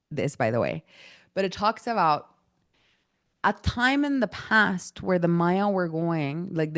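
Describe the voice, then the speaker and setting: A woman's voice: fairly low pitch, dry recording, studio quality. A woman teaching an online workshop, talking casually with many fillers, her throat a little irritated. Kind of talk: online presentation talk.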